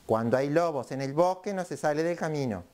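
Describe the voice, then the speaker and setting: A woman voicing a fussy old grandmother in a children's puppet show, scolding and slow. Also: medium pitch, animated, darkish tone, natural voice. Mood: warning.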